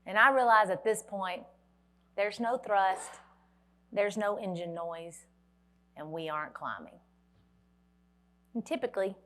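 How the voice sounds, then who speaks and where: A woman's voice: mid-range voice, fairly bright tone. A woman, giving a motivational keynote at a conference and telling a dramatic story with wry humor. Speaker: motivational speaker. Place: conference hall.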